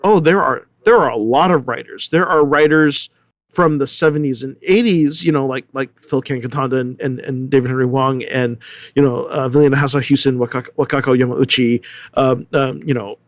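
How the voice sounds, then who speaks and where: A middle-aged American man from San Diego, a theater artistic director, talks casually as an interview guest in a medium-pitched, fairly quick voice. The recording is dry. He's an animated, rambling storyteller who hesitates often and keeps correcting himself.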